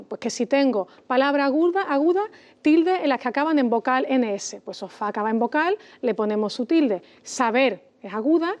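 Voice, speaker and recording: A woman explains rules step by step. She talks in a patient, deliberate way and stretches the stressed syllables to show them. The broadcast audio sounds slightly dull. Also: high-pitched, a little mellow. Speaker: language expert guest. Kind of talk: educational TV explanation.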